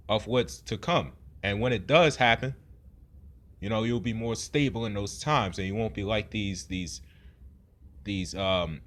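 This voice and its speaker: A man's voice: lowish voice, fairly bright tone. Rambling man preaching informally. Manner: rambling, many fillers, rhetorical "right?". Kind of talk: informal sermon.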